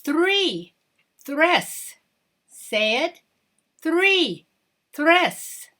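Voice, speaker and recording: A woman with a high, bright voice and a forceful tone speaks extremely slowly, sing-song style, as a kids' show host. Against a backdrop of children's music, she leads young viewers in repeating after her.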